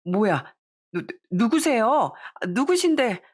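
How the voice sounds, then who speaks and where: A woman voicing a cheerful young bride-to-be who turns shrill and indignant when confronted, in a storybook reading. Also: big pitch swings, takes it slowly, a little mellow, breathy edge, exaggerated voice. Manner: sweet chatty tone turning shrill and indignant.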